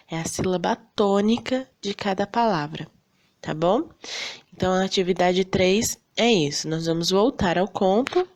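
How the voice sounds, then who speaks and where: A Brazilian woman teaching a recorded lesson for fifth graders, patient and checking in often with her students. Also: on the low side. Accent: Brazilian Portuguese. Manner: slow, patient, checks in with "tá bom?".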